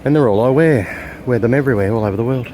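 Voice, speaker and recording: An Australian travel vlogger with an Australian accent narrates a walking tour on city streets, chatting casually and rambling with fillers. His voice is mid-range and mellow, delivered rapid-fire, with street noise behind him.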